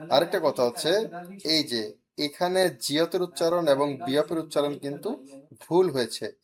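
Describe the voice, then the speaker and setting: A man teaching Korean, correcting a student's reading and drilling words slowly syllable by syllable, with some teasing. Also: on the high side.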